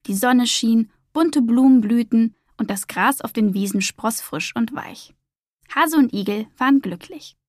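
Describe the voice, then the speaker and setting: A woman narrating a children's storybook in a calm, expressive reading voice. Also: on the high side, no room sound, clean studio sound.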